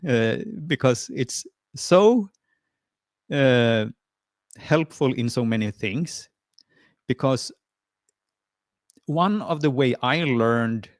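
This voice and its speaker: A Swedish man, a native Swedish speaker, walks viewers through a screen-share tutorial on a video call, friendly and encouraging but hesitant, full of fillers and restarts. His voice sits in the mid range, and the recording is studio quality with no room sound.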